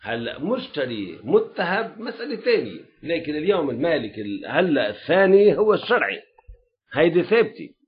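A man's voice: a little high, very animated, brisk, dull audio. A man with a Lebanese Arabic accent teaching religious law in a classroom lecture, often checking that his students follow.

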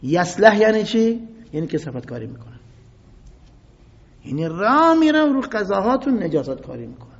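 Dramatic high-voiced male preacher in an echoing hall. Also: sing-song, gravelly, husky. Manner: reads classical Arabic quotes slowly, then explains in Persian; dramatic, rising to loud outbursts. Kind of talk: sermon. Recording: muffled lo-fi sound with long hall reverb.

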